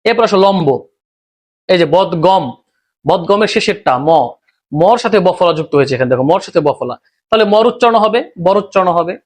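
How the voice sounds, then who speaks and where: A high-voiced man with a Bangladeshi Bengali accent teaches a recorded grammar lesson. He moves step by step and keeps asking his students questions, then answers them himself. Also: animated, fairly quick.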